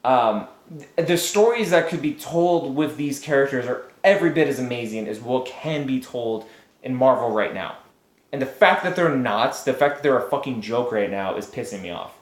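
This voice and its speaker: A man's voice: mid-range voice, expressive, moderate pace. A man co-hosting a casual chat, ranting heatedly and swearing a lot. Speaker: podcast co-host. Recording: echoey room.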